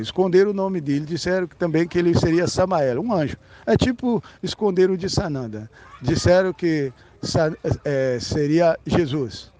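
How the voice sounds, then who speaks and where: A man's voice: a little high, dark tone. A man with a Brazilian Portuguese accent giving a rambling esoteric monologue, blunt and emphatic, swearing casually and checking in with the listener. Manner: blunt, emphatic, sprinkled with profanity; addresses the listener directly with frequent "tá?". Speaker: esoteric spiritual speaker.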